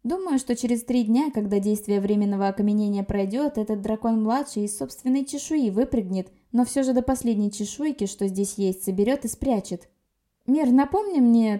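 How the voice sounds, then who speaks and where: Lady doing a sassy young witch girl, high chirpy, teasing. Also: warm tone, lightly acted. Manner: chirpy, bantering, flippant. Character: cheeky young witch girl, potion maker, carefree.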